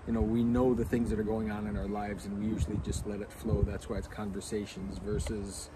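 A man's voice: lowish voice, level tone, fairly quick. A man co-hosting a podcast, chatting casually and explaining things in a storytelling way, recorded outdoors in a backyard. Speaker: podcast co-host. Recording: outdoor recording with clear background noise.

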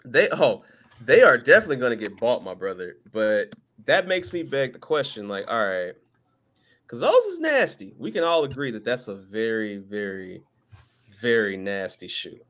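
Guy hosting a podcast, super lively voice, jokey and emphatic. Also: medium pitch, moderate pace. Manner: animated, joking, emphatic. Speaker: podcast host. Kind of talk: casual podcast chat.

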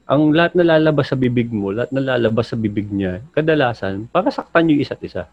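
A man's voice: mid-range voice, animated, quick pace, breathy edge, dry recording. Joking man, dry and dull. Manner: joking, gives playful advice, blurts out slang. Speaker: podcast co-host. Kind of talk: casual chat.

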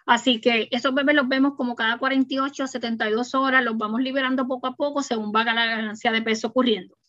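Lady doctor, kinda high voice, dry dull lo-fi audio, walks you thru it. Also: fairly even intonation, fast talker, fairly bright tone, no room sound. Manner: practical, reassuring, acts out parents' questions. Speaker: pediatrician guest. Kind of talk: explanatory podcast interview.

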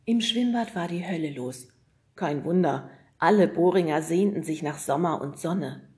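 A woman narrating a children's audiobook in a lively storytelling manner. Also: fairly low pitch, moderate pace.

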